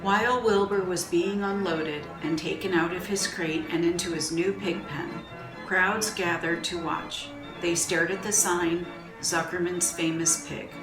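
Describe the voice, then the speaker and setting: A woman reads a children's book aloud in a gentle, expressive storytelling manner. Her voice sits at an ordinary pitch. It is heard from a distance in a roomy space, with faint music behind. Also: a little slow.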